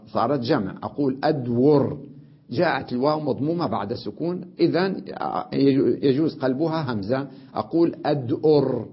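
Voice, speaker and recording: A man teaching an Arabic grammar lesson, explaining step by step, often checking in with his listeners and drawing out example words slowly. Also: a little high, husky, muffled recording.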